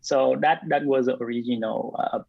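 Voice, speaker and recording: This hesitant guest, a Vietnam-born co-founder and CTO of a blockchain company, gives casual interview answers with many fillers and restarts. His medium-pitched voice carries vocal fry, fairly even intonation and a moderate pace. There's no echo, and the sound is dry and lo-fi.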